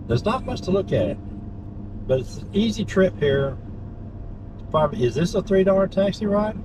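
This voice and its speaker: A man's voice: high voice, sing-song, a little slow, long pauses. A man hosting a vlog while driving, chatting informally and often checking with short tag questions. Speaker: vlog host and driver. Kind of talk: casual chat while driving. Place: inside a car, driving. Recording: noisy moving car interior. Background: car and road noise.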